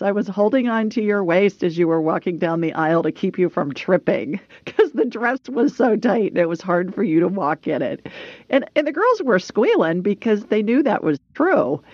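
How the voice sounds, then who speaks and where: A woman's voice: lowish voice, dry recording. A woman hosting a call-in show in a casual, chatty way, recorded with slightly dull sound. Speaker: host of a psychic call-in show.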